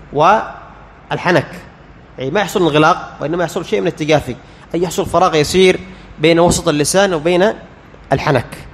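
A man teaching Quran recitation as a lecture. He quizzes the class, answers his own questions and sounds out letters slowly. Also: high voice, big-room sound.

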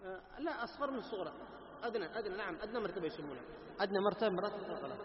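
A man's voice: high voice, expressive, racing. A man teaching a class on Quran recitation, asking his students questions, answering them himself and repeating key phrases. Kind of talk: classroom lecture. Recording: echoey hall with dull lo-fi sound and background noise.

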